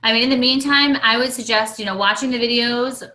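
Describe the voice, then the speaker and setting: A woman's voice: on the high side, fairly even intonation, fairly quick, sharp tone, roomy sound, rough recording. A woman leading a casual team call, chatty and trailing off at the ends of phrases. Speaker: team leader hosting a call.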